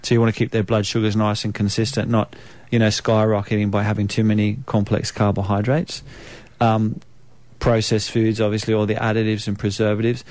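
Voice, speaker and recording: Man, New Zealand accent, lowish voice, measured explainer, dry recording. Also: level tone, darkish tone, no echo. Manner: measured, explanatory, many um fillers. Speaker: naturopath guest. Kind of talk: conversational expert interview.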